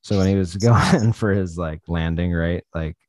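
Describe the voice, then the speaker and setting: A man with a low, grounded voice talks in loose, profane casual chat, laughing often as he tells stories. The sound is close and dry, with no room around it. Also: normal speed, darkish tone, no room sound.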